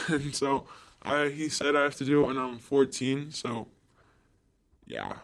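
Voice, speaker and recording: Boy in a disguised, pitched-down voice. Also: fairly even intonation, creaky. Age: 12, seventh grader. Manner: hesitant, halting, with nervous giggles. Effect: voice pitched down to a disguised deep voice. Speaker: anonymous student interviewee. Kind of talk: shy interview answers.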